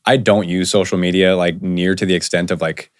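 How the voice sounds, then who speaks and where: A man's voice: sits low, flat delivery, brisk, no room sound, clean studio sound. A man hosting a podcast in casual conversation, chatty and rambling with lots of fillers and restarts. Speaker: podcast host.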